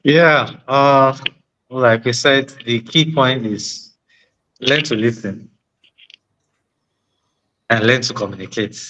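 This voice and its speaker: A man's voice: medium pitch, slow, long pauses, sharp tone, rough recording. West African man giving relationship advice. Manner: emphatic repetition, rhetorical questions. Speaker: panel discussion participant.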